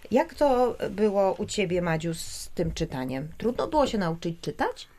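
A woman hosts a lively studio chat, drawing children out with question after question. Her replies are brief, upbeat and encouraging. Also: mid-range voice. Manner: encouraging, questioning, quick interjections. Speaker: radio host talking with children. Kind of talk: lively studio conversation with kids.

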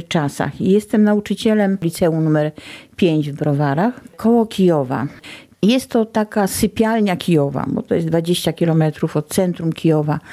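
Bright-voiced woman, lower pitched, reflective. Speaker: Polish language teacher working in Ukraine. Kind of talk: personal account in an interview.

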